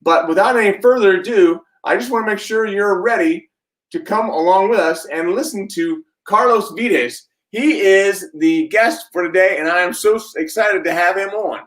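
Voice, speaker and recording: A man's voice: sits high, normal speed, a bit bright, reverberant, rough recording. A man hosting an online interview show, upbeat and welcoming. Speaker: show host.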